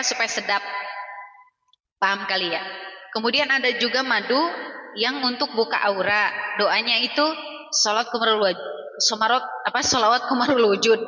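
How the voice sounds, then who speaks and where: A woman's voice: a little high, pushed and bright. A woman preacher, giving an informal, chatty sermon to mothers, teasing and scolding as she goes. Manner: chatty, teasing and scolding, mixes in regional words. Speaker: female Islamic preacher. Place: hall with mothers present. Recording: echoey hall, dull lo-fi sound.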